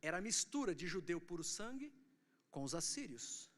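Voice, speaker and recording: A male pastor preaching an animated, emphatic sermon to teenagers, full of rhetorical questions, in a church hall. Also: high-pitched, moderate pace.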